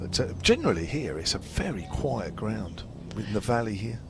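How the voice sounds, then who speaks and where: A man giving ball-by-ball cricket commentary from a commentary box at a quiet ground, calling each delivery in steady detail. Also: lowish voice, normal speed. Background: aircraft noise overhead.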